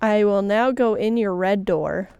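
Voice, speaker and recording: A woman's voice: mid-range voice, measured pace, warm tone, clear, resonant tone, dry recording. A woman giving casual playthrough commentary, in short, offhand, playful remarks. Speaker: game streamer.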